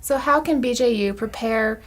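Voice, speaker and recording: A woman's voice: a little high, normal speed. A woman in her thirties hosting a seated interview. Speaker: interview host. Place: TV studio, seated at table.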